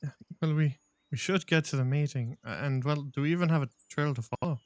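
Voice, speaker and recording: Man playing a cautious, grateful male lumberjack for a tabletop game, folksy and clear-voiced. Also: a little high, brisk, dry recording, voice pushed up, close to an everyday voice. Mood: uneasy.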